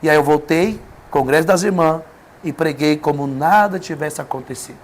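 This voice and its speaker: With slight background noise behind him, a Brazilian preacher talks at normal speed in a voice on the high side. Appearing as a podcast guest, he tells an emotional personal testimony in a Brazilian Portuguese accent, earnest and emphatic, with rising intensity.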